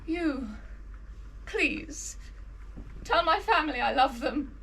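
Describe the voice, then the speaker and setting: A woman's voice: high-pitched, expressive, takes it slowly, heavily acted. A woman playing a melodramatic dying garlic creature in a comic musical, gasping out grand farewells like a mortally wounded soldier. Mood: tragic, gasping. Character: melodramatic dying garlic creature, the professor's self-declared arch-enemy. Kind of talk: theatrical comic musical acting. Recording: distant mic, loud background noise.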